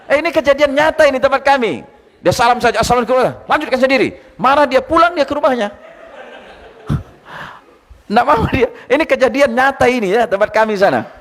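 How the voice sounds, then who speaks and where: A male Islamic teacher giving a lively study lecture, quizzing his listeners and retelling anecdotes. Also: very high voice, a little fast, pauses often. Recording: long hall reverb.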